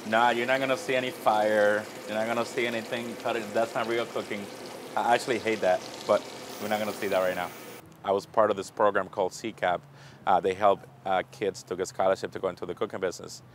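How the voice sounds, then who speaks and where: A Dominican chef and restaurant owner in his thirties gives a casual self-introduction from a restaurant kitchen and gym, speaking candidly about his life with easy fillers. His voice is on the low side, flat and quick, with background noise present.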